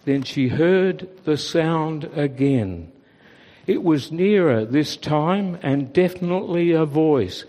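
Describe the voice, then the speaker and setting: A man reading a children's story aloud in a gentle, expressive way. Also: fairly high pitch, takes it slowly. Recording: long reverb.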